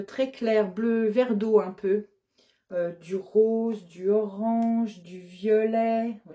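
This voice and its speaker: A woman's voice: medium pitch, dark tone. A woman who runs a yarn shop, casually showing her new colorways on camera, listing the colors one by one with many hesitant fillers. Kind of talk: casual product show-and-tell.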